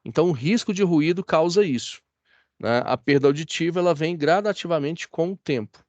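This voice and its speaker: A Brazilian man gives a classroom lecture in a somewhat high voice. His speech is dry and close, with no room echo. He chats easily and keeps checking that the class follows him. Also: fairly quick, darkish tone. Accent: Brazilian Portuguese. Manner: chatty, asks the class for agreement. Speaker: teacher.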